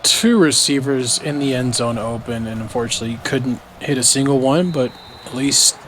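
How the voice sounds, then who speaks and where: A man giving color commentary on a game stream, chatty and quick to react. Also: medium pitch, fairly bright tone, a little hiss or hum. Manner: conversational analysis, quick reactions. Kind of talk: sports commentary.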